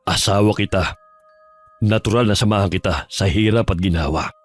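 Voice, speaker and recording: An actor playing a worried landowner husband who speaks firmly and shouts to calm his wife. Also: deep voice, moderate pace, faint music behind. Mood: steady. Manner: firm, then pleading and shouting.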